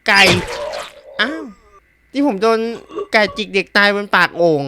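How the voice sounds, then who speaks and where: A man's voice: sits high, animated, a little slow, background noise. Jumpy man reacting to a horror game. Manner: jumpy, yelps and swears at scares; reads in-game text aloud. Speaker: gamer. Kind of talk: horror game playthrough commentary.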